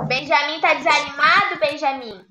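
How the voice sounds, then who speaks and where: A woman's voice: sits high, moderate pace. Coaxing woman teacher reading to children. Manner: coaxing, prompting children to join in. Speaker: preschool teacher. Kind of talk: reading a picture book to children in a live class. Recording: echoey room with clear noise.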